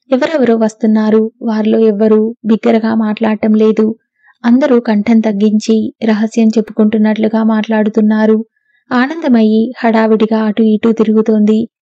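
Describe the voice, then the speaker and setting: A woman narrating a novel as an audiobook, in steady, even storytelling. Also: fairly high pitch, dry recording. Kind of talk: scripted narration. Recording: dull, dry lo-fi recording.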